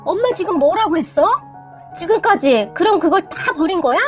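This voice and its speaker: Brief: firm, fed-up young husband in a storybook reading, read by a woman, high voice, faint music. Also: big pitch swings, moderate pace. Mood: outraged. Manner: firm, exasperated.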